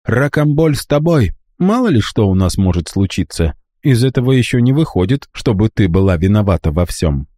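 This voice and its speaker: A man's voice: on the low side, very animated, moderate pace, few pauses, mellow, dry recording, clean studio sound. A man voicing a cheeky, cold-blooded young street boy with a mocking, calculating manner, in an audiobook. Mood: cocky. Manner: cocky, mocking, coolly calculating.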